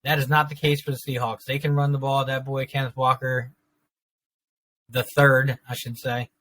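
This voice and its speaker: A man's voice: mid-range voice, level tone, moderate pace, fairly bright tone, no echo. A man co-hosting a casual football podcast, laid-back and slangy, laughing often. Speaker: podcast co-host. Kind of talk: casual sports chat.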